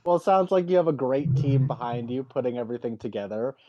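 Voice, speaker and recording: A chatty male interviewer asks his questions with enthusiasm, filling gaps with casual fillers. His voice sits at a middling pitch, and the audio sounds slightly dull and muffled. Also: expressive, quick pace.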